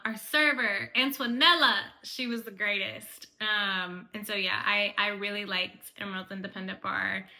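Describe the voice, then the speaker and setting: A woman's voice: mid-range voice, bright, forceful tone. A woman vlogger casually recapping her trip in a chatty way, often saying "like". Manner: chatty, fills speech with "like". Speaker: travel vlogger.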